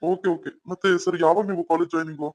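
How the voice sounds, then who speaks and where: A man voicing a middle-aged male college principal calling on the phone, brisk and businesslike. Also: on the high side, steady tone, pitched below the performer's own voice, close to an everyday voice. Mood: concerned.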